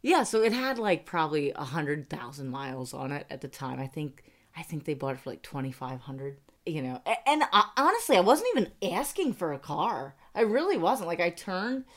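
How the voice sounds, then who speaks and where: A woman in her forties from Pennsylvania co-hosts a casual money podcast, her low, sing-song voice moving at a moderate pace. She's chatty, laughs often and pokes fun at herself.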